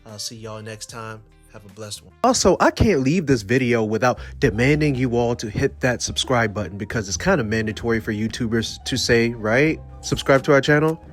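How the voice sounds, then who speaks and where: Dude rambling through a story on his channel, chatty, mid-pitched voice. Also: lively intonation, normal speed, hardly any pauses, soft background music. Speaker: YouTuber. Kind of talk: casual storytelling vlog.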